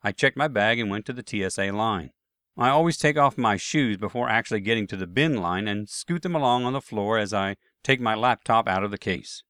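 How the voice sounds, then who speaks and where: A man's voice: on the low side, brisk, fairly bright tone, clear, resonant tone, no room sound, clean studio sound. Wry man telling a travel anecdote. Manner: wry, self-deprecating humor. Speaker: storyteller. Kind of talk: first-person anecdote narration.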